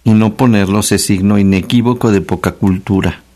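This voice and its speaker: Low-voiced Mexican radio host, teacherly. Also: male voice, steady tone, darkish tone. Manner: chatty, teacherly, repeats key words slowly. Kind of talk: casual radio talk on spelling. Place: radio studio.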